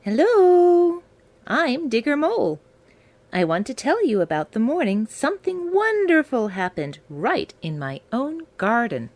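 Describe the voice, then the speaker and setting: A friendly little garden mole tells a storybook tale in first person, as a woman reads it aloud. The voice swoops and lifts with lots of melody. The storytelling stays slow and unhurried, earnest and curious. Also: high voice, pitched above the performer's own voice, heavily acted. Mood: earnest wonder. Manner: expressive, sing-song storytelling. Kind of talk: children's storybook reading.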